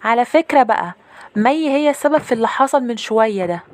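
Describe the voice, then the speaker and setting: Woman doing a high shrill little Egyptian girl. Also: animated, fast, no room sound, lightly acted. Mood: shrill accusing. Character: little girl, clingy and defiant.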